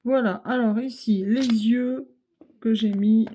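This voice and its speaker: Slow, hesitant woman with a Ch'ti accent. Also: fairly high pitch, fairly even intonation. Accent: Ch'ti (northern French). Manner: hesitant, many fillers, thinking aloud while sorting. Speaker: craft vlogger. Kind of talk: casual room tour of craft supplies. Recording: loud crinkling and clicking handling noise. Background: rustling of packaging and boxes.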